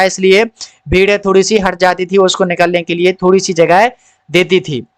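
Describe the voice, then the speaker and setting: Male teacher, high clear voice, reads the passage slowly then explains, dry close recording. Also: dry recording. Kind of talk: textbook lesson explained in Hindi.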